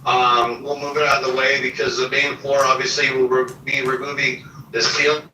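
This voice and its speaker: Contractor man heard over a speakerphone, distant with loud room noise; plain, steady update delivery. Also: mid-range voice, moderate pace. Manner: steady, matter-of-fact, with frequent ums. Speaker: restoration contractor. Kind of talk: spoken project update. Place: county meeting room, via phone. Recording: speakerphone in an echoey meeting room, distant and noisy.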